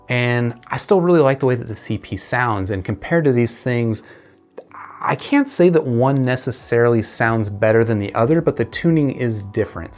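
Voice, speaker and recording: A man's voice: medium pitch, darkish tone. A man giving a casual spoken earphone review, rambling and correcting himself with lots of fillers.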